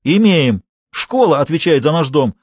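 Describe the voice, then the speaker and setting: A stern teenage boy pronounces bans like decrees, blunt and sure of himself, as a male reader puts him on. His voice sits a little high and moves with lively pitch. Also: moderate pace, dry recording.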